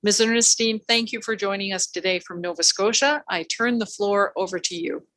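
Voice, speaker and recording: A woman's voice: medium pitch, moderate pace, a bit bright. A woman moderating a virtual event, giving a polished scripted introduction of the next speaker over a video call.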